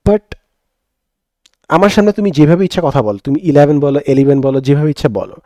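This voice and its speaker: A man's voice: on the high side, animated, a little fast, a little mellow, no room sound, clean studio sound. A young Bangladeshi man, a teacher, giving an earnest, reflective monologue and switching between Bengali and English mid-sentence.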